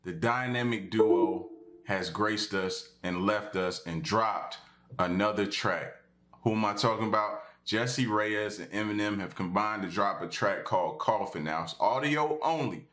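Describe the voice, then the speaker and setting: A man's voice: lowish voice, a little slow, a bit bright. A man giving earnest, reflective reaction commentary straight to his viewers. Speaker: music reaction YouTuber. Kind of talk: casual reaction commentary to camera.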